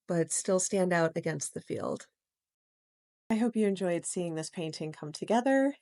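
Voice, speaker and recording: A woman narrating her watercolor painting step by step in a gentle, explanatory way, as host of a real-time art tutorial. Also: fairly low pitch, no echo, studio quality.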